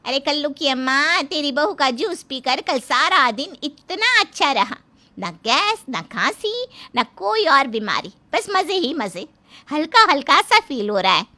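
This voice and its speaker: A woman's voice: high-pitched, big pitch swings, unhurried, bright, forceful tone, exaggerated voice. A woman playing a chatty middle-aged neighbor who gushes praise to the family. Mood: gushing. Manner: gushing, gossipy.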